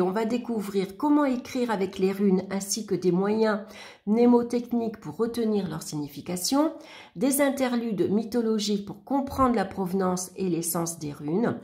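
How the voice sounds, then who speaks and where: Woman flipping through a workbook on camera, lots of ums and restarts, mid pitch. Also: a little mellow. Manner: chatty, many fillers and restarts. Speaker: YouTuber reviewing a spiritual workbook. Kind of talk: casual flip-through review.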